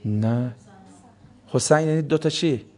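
A man's voice: mid-range voice, darkish tone. A man teaching a class on the meaning of sacred words, who keeps asking the students questions and then answering them himself. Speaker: religious studies teacher. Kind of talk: classroom lecture on Quranic words.

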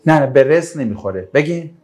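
A man teaching Quran interpretation to a class, animated, calling on students one by one and turning down their answers. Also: fairly high pitch. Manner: animated, calls on students and keeps rejecting answers. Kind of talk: classroom lecture with questions to students.

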